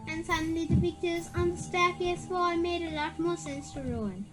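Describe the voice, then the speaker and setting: Reading a spooky children's tale at a normal speed, the speaker has a very high voice and sometimes stumbles and repeats words. Music runs underneath.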